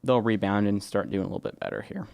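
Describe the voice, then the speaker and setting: A man's voice: on the low side, fast, gravelly, darkish tone. A young man co-hosting a college sports show, chatty and rambling as he talks casually about games. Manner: chatty and rambling, restarts sentences.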